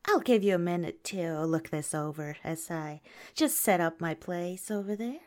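A woman's voice: fairly low pitch, expressive, moderate pace. A woman in an ASMR roleplay as a fawning makeup artist who calls the listener darling and honey, slipping at times into whispers. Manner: soft-spoken, slips into whispers.

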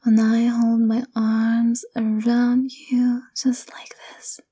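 A young woman whispering softly and close in an intimate, coaxing ASMR roleplay. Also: a little high, flat delivery, takes it slowly, breathy edge. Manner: intimate, coaxing girlfriend address.

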